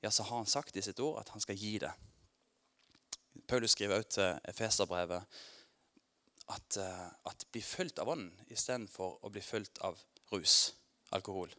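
A man's voice: fairly low pitch, long pauses. Chatty male preacher speaking to a congregation. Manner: informal and chatty, with filler words and restarts, laughing often; grows loud and excited while telling his story. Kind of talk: conversational sermon with personal testimony. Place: church.

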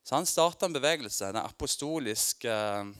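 A male preacher with a mid-range voice talks to his church congregation in a loose, conversational way. He calls on listeners by name, laughs easily, and grows loud and animated as he tells a personal testimony. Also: mid-range voice, clear, resonant tone. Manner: informal and chatty, with filler words and restarts, laughing often; grows loud and excited while telling his story.

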